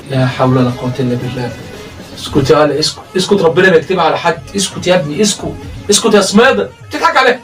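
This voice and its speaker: A man's voice: high voice, a bit bright, distant mic. A man with an Egyptian accent doing comic commentary on clips, teasing and laughing often. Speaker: comedy commentator reacting to clips.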